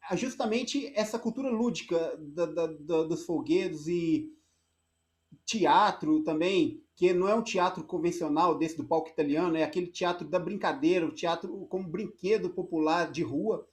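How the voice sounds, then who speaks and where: A man's voice: on the high side, normal speed. Friendly Brazilian man asking rambling questions. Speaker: interviewer, host. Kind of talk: casual interview.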